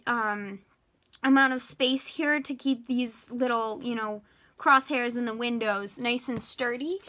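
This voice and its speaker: A woman's voice: fairly high pitch, bright, forceful tone. A woman presenting a craft tutorial for children as an art teacher, in the cheery manner of a kids' host.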